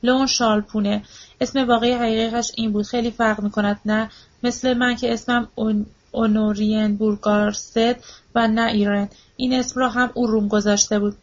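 A frantic old widow, shrill with grief, pleading and repeating herself over and over, as a woman reads her part aloud. Her voice sits fairly high but moves little, and the audiobook recording sounds dull and lo-fi. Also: flat delivery, lightly acted. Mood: insistent.

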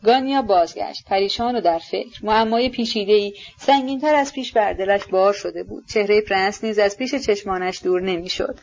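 A woman reading a classic novel aloud in a steady, measured narration. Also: medium pitch, muffled recording. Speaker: audiobook narrator. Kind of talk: scripted audiobook narration.

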